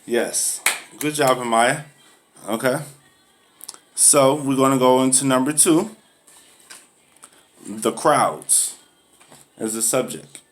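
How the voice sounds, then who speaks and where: Acting in a comedy skit, a woman plays a teacher who is patient yet firm, drilling grammar and scolding a pupil who laughed at classmates. Her rumbling low voice moves slowly with frequent pauses, and there's slight background noise. She stays corrective and lectures on humility.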